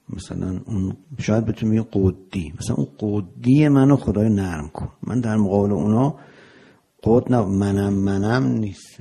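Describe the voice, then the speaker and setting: A man giving a religious sermon, explaining Arabic prayer phrases in Persian and slowing down on the quotations. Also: on the low side, creaky, warm tone, breathy edge. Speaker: preacher.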